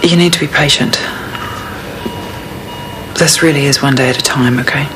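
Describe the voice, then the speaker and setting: An actor as a calm, frank male surgeon. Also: medium pitch, normal speed, close to an everyday voice. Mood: grave, measured. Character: calm, frank hospital surgeon breaking news gently. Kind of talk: naturalistic TV soap acting. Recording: noisy TV soap scene.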